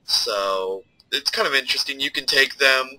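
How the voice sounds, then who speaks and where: A young let's play host with a stuffed-up, nasal voice comments casually while playing a strategy game, thinking aloud as he goes. His voice is mid-range, sharp in tone, at normal speed, and the audio quality is poor.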